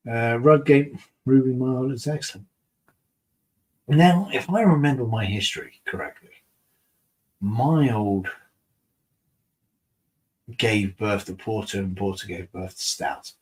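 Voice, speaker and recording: A man's voice: mid-range voice, expressive, slow pace, pauses often. Rambling, mumbling man. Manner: rambling and mumbling, self-mocking. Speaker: beer reviewer and channel host. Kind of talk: casual live-stream chat, reading viewer comments.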